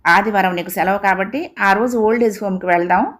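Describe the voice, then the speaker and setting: A woman voicing a remarried father who coaxes his daughter and turns evasive and sharp in a storybook reading. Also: medium pitch, a little fast, lightly acted. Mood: coaxing. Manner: coaxing, then sharp and scolding.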